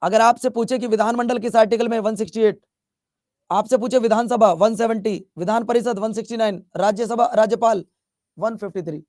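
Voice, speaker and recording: A man's voice: high voice, fairly even intonation, fairly quick, darkish tone, dry recording, clean studio sound. A male teacher from Bihar giving a chatty classroom lecture, repeating his questions and teasing students as he scolds them. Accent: Bihar Hindi.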